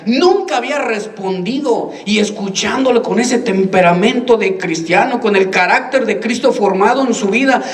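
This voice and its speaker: A male pastor preaching a sermon, telling stories and acting out the dialogue, laughing now and then. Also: sits high. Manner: storytelling preacher, acts out dialogue, laughs often. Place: church. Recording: echoey room, mic at a distance.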